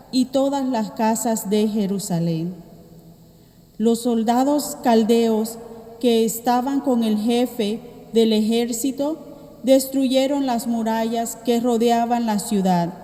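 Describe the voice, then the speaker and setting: A woman lector giving a slow, measured scripture reading at Mass, heard in a cathedral echo. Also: a little high, warm tone. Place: large church. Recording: echoey church with long reverb.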